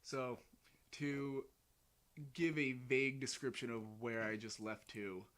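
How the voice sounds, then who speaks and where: A man's voice: medium pitch, slow, fairly bright tone. A young man co-hosting a casual podcast chat, rambling and trailing off as he hunts for words. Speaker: podcast co-host.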